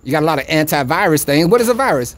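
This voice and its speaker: A man's voice: on the high side, sing-song, rapid-fire. A man rambling conspiratorially in slang, talking into a phone held in his hand outdoors by a street. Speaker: vlogger. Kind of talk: casual rambling monologue. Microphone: phone held in hand away from face.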